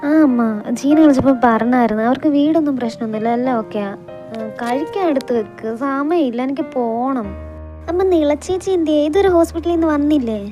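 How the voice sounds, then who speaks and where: A woman's voice: high voice, brisk, over music, natural voice. A woman voicing a spoiled young daughter, whiny and impatient with her mother, in an amateur audio drama.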